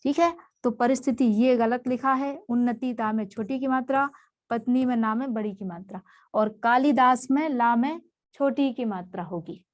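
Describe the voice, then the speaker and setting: A woman teaches a spelling lesson for exam students with a fairly high voice. She works through one word at a time. She says each term again so the class can follow. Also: moderate pace. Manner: patient, explains word by word and repeats each term.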